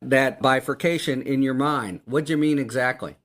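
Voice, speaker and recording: A man hosting a political podcast who reads a formal introduction and then asks his guests questions in a measured, articulate way. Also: mid-range voice, a bit bright. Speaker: podcast host.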